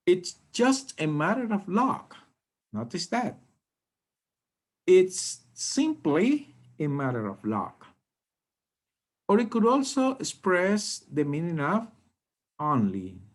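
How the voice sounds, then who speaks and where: A man teaching an English grammar lesson, explaining slowly and deliberately and often checking in with the class. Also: high voice, sing-song.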